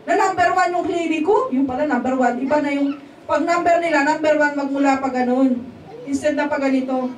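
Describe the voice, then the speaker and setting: High-voiced woman testifying in an echoey hall. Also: darkish tone. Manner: keeps checking in with the congregation. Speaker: lay church speaker giving testimony. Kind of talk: testimony sermon in a casual, conversational way. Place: church hall at a worship service. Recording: echoey hall, voice picked up from a distance, faint background noise.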